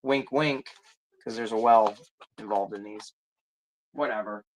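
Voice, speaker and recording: A livestream host chats casually with viewers and answers their comments, rambling and drifting off topic and pausing to search aloud for names and titles. The voice sits in an ordinary mid range.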